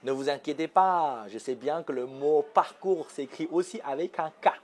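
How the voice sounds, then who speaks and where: A man's voice: on the high side, moderate pace. A man presenting a magazine show segment, explaining words in a playful, teasing way and asking the viewers questions.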